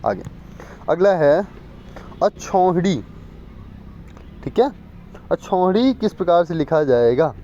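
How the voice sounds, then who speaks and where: A man teaching an exam-prep spelling lesson, repeating words and quizzing viewers with quick questions. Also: fairly high pitch, big pitch swings, mellow. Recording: muffled lo-fi with faint street noise.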